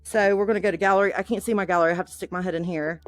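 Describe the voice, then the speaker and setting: A woman streaming a live first-reaction vlog from a VR app, talking to her viewers and gushing with excitement. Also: on the low side, very fast, no room sound. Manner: excitable, gushing exclamations, calls viewers y'all. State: shaky and overwhelmed with excitement. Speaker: VR vlogger.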